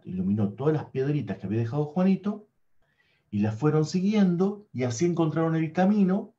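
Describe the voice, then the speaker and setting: A man telling a fairy tale aloud, animated, with sound effects and little tag questions. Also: medium pitch. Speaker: storyteller. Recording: dull lo-fi recording.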